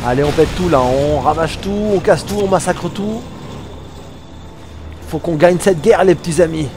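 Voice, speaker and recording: A man giving casual, excitable commentary while playing a war game, swearing and talking back to the game. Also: on the high side, moderate pace, noisy background. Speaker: let's play gamer. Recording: game music under voice.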